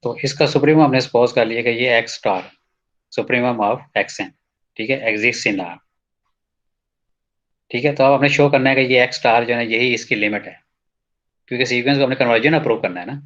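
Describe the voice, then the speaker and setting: Teaching a math proof on a recorded lecture, a man slowly reads from the textbook and follows up with casual Hindi explanations that borrow English terms, often checking in with "ठीक है". The medium-pitched voice is a bit bright, captured with lo-fi sound.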